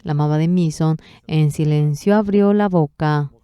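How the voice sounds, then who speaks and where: A woman's voice: sits low, unhurried, warm tone, clear, resonant tone, dry recording. A woman interpreting a sermon, telling a story earnestly with emotional swells.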